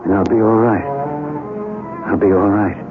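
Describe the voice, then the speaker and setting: A male actor in a 1970s radio drama plays a troubled, courteous chemist haunted by his past, giving a brooding, anguished monologue with courtly, earnest, theatrical delivery. His natural voice is on the low side, steady in tone and at normal speed. The dull vintage radio recording has music behind it.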